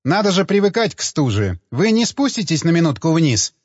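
A man's voice: a little high, very animated, moderate pace, slightly rough, no echo, muffled recording, voice pushed up. A man playing an imperious old actress. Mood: insistent, scolding. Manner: scolding, commanding, stamps her foot. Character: imperious old female actress, sharp-tongued and insistent.

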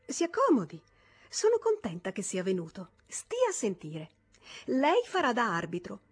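A woman voicing a lively, indignant young wife in a storybook reading. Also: a little high, moderate pace, breathy edge, pitched above the performer's own voice, heavily acted.

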